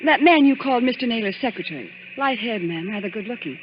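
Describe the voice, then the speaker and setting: An actress playing an anxious, watchful young fiancée in an old radio drama. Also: female voice, a little high, animated, quick pace, lightly acted. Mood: watchful, suspicious. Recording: muffled, noisy old radio recording.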